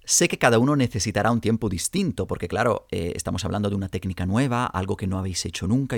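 A man teaching a lesson on how actors memorize scripts. His voice sits low with a gravelly edge, and he explains each step clearly and deliberately. The sound is close and dry, with no room around it. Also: dry recording. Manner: clear, deliberate instruction addressed to students. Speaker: acting and stage coach.

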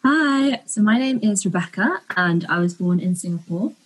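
A young woman, a podcast guest talking thoughtfully about her studies and often pausing on "um". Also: medium pitch, lively intonation, slightly rough, rough recording. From London, England. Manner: thoughtful, with frequent ums. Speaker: guest, architecture student. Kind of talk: casual podcast interview.

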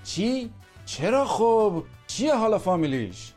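A man's voice: a little high, expressive, soft background music, lightly acted. A man playing a grumbling middle-aged husband and father in a comic radio sketch, exasperated and ranting.

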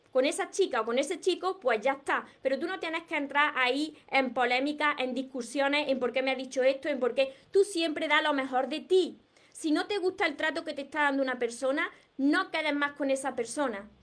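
A woman's voice: high-pitched, a bit bright. A woman from Córdoba with an Andalusian Spanish accent, giving earnest, repetitive dating advice on a live stream. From Córdoba, southern Spain. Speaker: dating and self-esteem coach. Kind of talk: live-streamed motivational talk.

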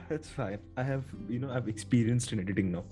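A man's voice: medium pitch, fairly quick, mellow, faint music behind. A man with an Indian accent hosting a podcast in casual, informal chat, now and then slipping between English and Hindi. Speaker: podcast host.

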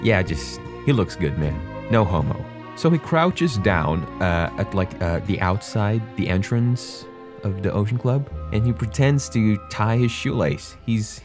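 Young man, deep voice, casual film commentary, profane and joking, faint music behind. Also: darkish tone. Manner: joking, profane, rambling with restarts.

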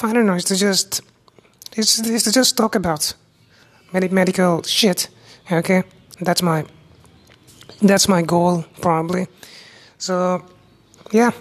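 A young woman from India with an Indian accent, a newly qualified doctor hosting her own medical podcast, talking alone in a halting way with many restarts and speech that is not very clear. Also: medium pitch. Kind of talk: solo medical podcast talk.

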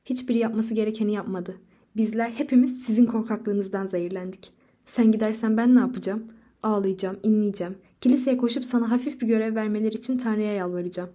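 A woman's voice: mid-range voice, steady tone, quick pace, lightly acted. A woman reading a fierce, desperate young wife. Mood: anguished. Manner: loud, impassioned pleading. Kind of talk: audiobook reading.

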